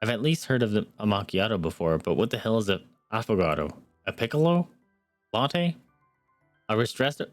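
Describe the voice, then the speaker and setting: Deep-voiced man reading a game aloud. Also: dry recording. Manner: earnest reading with wry asides. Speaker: streamer. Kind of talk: reading a visual novel aloud with commentary.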